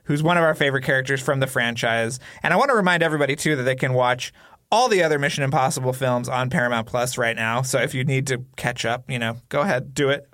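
A man's voice: mid-range voice, fast talker, a bit bright, no echo, studio quality. A man hosting a podcast in a casual, upbeat, chatty way. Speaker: podcast host.

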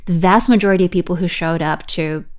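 A woman correspondent explaining events in a measured way on a news podcast. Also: on the low side, fairly even intonation. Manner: measured, explanatory, occasional restarts. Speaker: correspondent guest.

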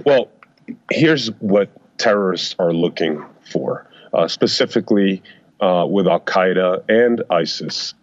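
A man's voice, electronically disguised to sound deep, answers interview questions in measured, hesitant phrases. The recording is dull and lo-fi, with a dry, close sound. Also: animated, no room sound. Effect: voice disguiser lowering the voice. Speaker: guest, undercover FBI agent and author.

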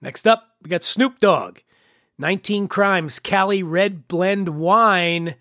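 A man hosting a podcast in casual, chatty monologue, with a nasal twang from a head cold and animated asides. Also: high voice, slow pace, no room sound, studio quality. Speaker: podcast host.

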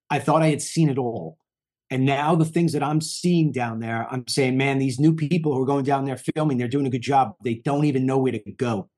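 Husky, heated man in his fifties. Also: medium pitch, mellow. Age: 50s. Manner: heated, emphatic, repeats himself. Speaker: news show host. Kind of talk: political commentary.

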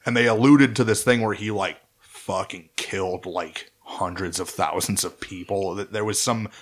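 A man's voice: sits low, steady tone, moderate pace. A man casually chatting on a podcast, rambling and swearing as he ranks movies. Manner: profane, rambling, enthusiastic. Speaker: podcast co-host. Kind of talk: casual chat.

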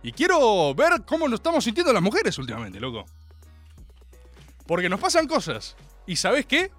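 A man's voice: high-pitched, bright, forceful tone. A young man with a Rioplatense Spanish accent hosting a comedy radio show from a studio. He delivers a mock-serious, exaggerated ironic rant. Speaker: radio host. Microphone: studio microphone.

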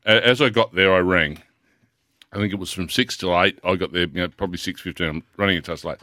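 Brief: Australian male sports radio host, low forceful voice, dry studio, loose rambling chat. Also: quick pace, no room sound.

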